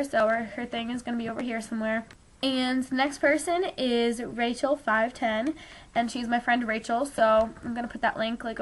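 A woman's voice: fairly high pitch, fairly bright tone. A young woman chatting to camera in a casual vlog, rambling and stumbling over her words. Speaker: vlogger.

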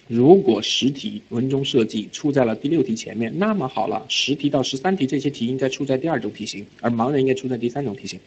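A man of middling pitch teaches an exam reading class in a brisk, animated way. He keeps checking whether his students follow and slips English terms into his explanations. The recording sounds a little dull and lo-fi. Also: creaky, a little hiss or hum. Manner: mixes English words into speech. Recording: slightly dull lo-fi lecture audio.

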